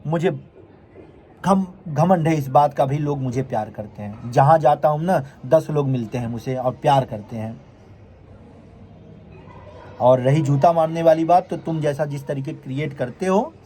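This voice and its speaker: A man's voice: on the high side, mellow, slight background noise. A vlogger who is a man, delivering a heated, confrontational rant straight to his viewers and repeatedly scolding his critics.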